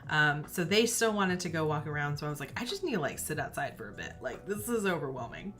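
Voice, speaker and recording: A woman's voice: low-pitched, big pitch swings, fast talker, fairly bright tone. A young woman hosting a knitting livestream, telling a family story in a casual, giggly way with lots of filler words.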